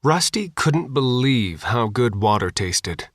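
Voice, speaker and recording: A man's voice: medium pitch, big pitch swings, slow pace, dry recording, studio quality. A man reading an audiobook in a plain, matter-of-fact storytelling voice. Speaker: audiobook narrator. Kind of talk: scripted audiobook narration.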